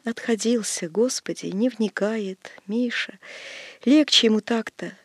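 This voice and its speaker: Man playing an old peasant woman, frail, pious, tender, high trembling voice, dry sound. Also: unhurried, a bit bright, no room sound, exaggerated voice. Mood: sorrowful.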